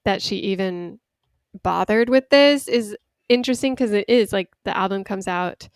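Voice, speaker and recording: A woman's voice: mid-range voice, normal speed, smooth, dry recording, clean studio sound. A young woman co-hosting a podcast in casual chat, laughing often and using many fillers. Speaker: podcast co-host.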